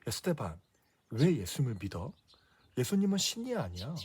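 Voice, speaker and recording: A man's voice: medium pitch, big pitch swings, moderate pace, darkish tone, slightly rough. A man voicing a proud young man who is angry and mocking in a children's Bible story. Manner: mocking, indignant.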